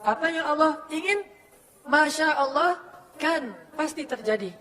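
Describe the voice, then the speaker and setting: A woman retelling an Islamic sermon in a lively storytelling manner. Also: sits high, a little slow. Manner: lively storytelling with acted quotes. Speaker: religious speaker.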